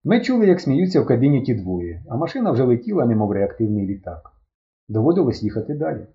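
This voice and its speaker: A man narrating a first-person children's story in an animated, expressive way. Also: medium pitch, fast, dull audio. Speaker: audiobook reader.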